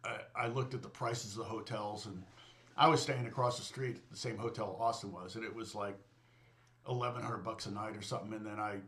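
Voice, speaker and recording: In casual livestream chat, an American guitar teacher in middle age rambles to his live audience, cutting himself off, restarting sentences and laughing at himself. His voice is lowish and fairly bright, with fairly even intonation.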